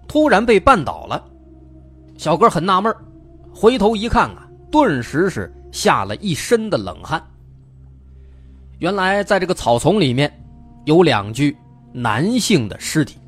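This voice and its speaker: True crime narrator: male host, Mainland Mandarin accent, higher-set animated voice, suspenseful but colloquial, over a music bed. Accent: Mainland Chinese Mandarin. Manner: suspenseful storyteller with colloquial asides.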